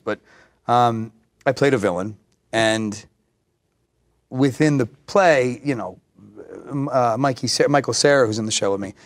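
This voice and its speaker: A man talking casually as an actor guest, reflective and halting. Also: medium pitch. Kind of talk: casual conversation.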